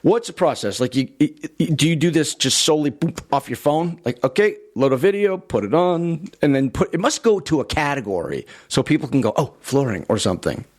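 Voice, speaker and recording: A man's voice: fairly high pitch, very animated, fairly quick, few pauses. A man hosting a casual interview, informal and inquisitive.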